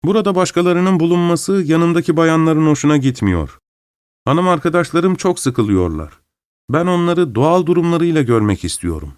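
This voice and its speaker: A man voicing a drunk, brash masked man who bullies and mocks everyone, in a hoarse, booming voice. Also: expressive, normal speed, dry recording, clean studio sound, lightly acted. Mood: mocking. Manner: loud, taunting, jeering.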